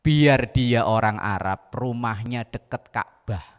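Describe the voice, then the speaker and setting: Indonesian preacher in a reverberant studio. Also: male voice, medium pitch, slow, muffled recording. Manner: quotes Arabic verses, then explains with jokes. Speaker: Islamic preacher. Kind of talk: religious talk on a TV show.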